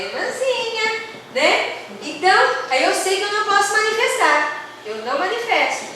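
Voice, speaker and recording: A woman's voice: very high voice, pushed and bright. A Brazilian woman with a São Paulo accent leading a teaching workshop in a conversational way, asking the audience questions and acting out quoted voices. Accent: São Paulo Brazilian Portuguese. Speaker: workshop speaker for religious teachers. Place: community hall. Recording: very echoey hall, distant mic, faint noise.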